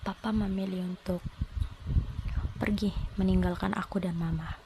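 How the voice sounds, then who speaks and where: A woman in her twenties from South Sumatra, telling a personal story in a soft, reflective and slightly hesitant way. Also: on the low side, fairly even intonation, normal speed, background noise. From South Sumatra, Indonesia. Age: 20s. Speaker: vlogger.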